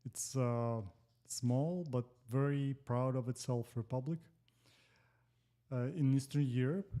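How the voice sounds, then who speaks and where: A Moldovan man in his 40s, whose first language is Russian, speaks as a guest in a casual interview. His medium-pitched voice is slow and mellow, with careful phrasing and pauses.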